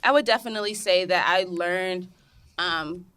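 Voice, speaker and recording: A young woman chemist, talking in a casual interview, animated and emphatic with frequent laughs and restarts. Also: lowish voice, normal speed, clear, resonant tone. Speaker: guest, cosmetic chemist.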